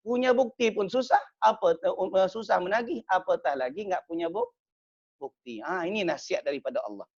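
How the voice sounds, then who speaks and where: A man giving a short sermon, animated, often acting out debtors' excuses. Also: high voice, normal speed, gravelly. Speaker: preacher. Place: community gathering in New Zealand. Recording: dull lo-fi sound.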